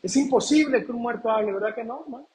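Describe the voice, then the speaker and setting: High-voiced man preaching. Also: a little mellow, rough recording. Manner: preaching with rhetorical questions to the congregation; reads scripture aloud slowly and deliberately. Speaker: pastor. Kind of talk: sermon.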